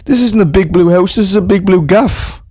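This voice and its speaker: A man's voice: high-pitched, normal speed, a little mellow, pitched above the performer's own voice. A man playing a brash young male party lad who bluffs and stammers through slangy banter. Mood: defensive.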